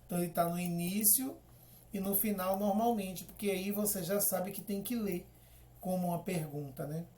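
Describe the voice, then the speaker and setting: A woman's voice: medium pitch, warm tone, reverberant. A woman teaching a lesson, explaining step by step and checking in often with the class.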